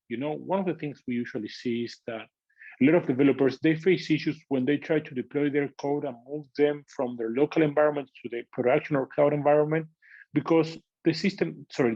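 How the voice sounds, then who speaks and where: A man's voice: mid-range voice, darkish tone, lo-fi sound. A man with an Argentine accent explaining technical work as an interview guest. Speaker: podcast guest, tech product manager.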